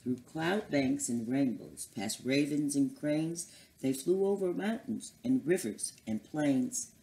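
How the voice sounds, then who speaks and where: A woman reads a picture book aloud to children, slow and unhurried. Her voice sits very low, and she puts on voices for the animals. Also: slight background noise. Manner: lively storybook reading with character voices. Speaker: guest reader.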